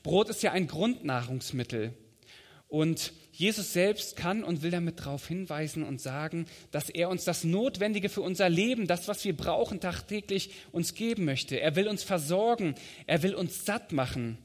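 A man delivers a sermon in a calm, measured way, leaning on the scripture lines he quotes. His voice sits a little high for a man. The sound rings out with a long hall reverb, as in a church. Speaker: preacher.

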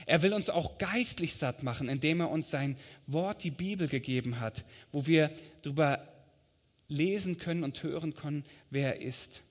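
A man preaching a sermon in a calm, measured way, giving weight to the scripture quotes he reads out. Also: fairly high pitch. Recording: long hall reverb.

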